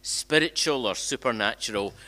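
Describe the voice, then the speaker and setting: At normal speed, an older minister's medium-pitched voice comes across pushed and bright as he preaches conversationally in the church sanctuary. A gooseneck lectern microphone captures him repeating and restarting phrases and throwing out rhetorical questions.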